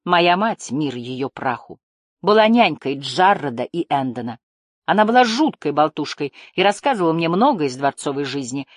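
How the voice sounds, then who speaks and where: A woman's voice: low-pitched, sing-song, normal speed, no room sound, clean studio sound. A woman reading the lines of a wounded, weary male warrior in an audiobook.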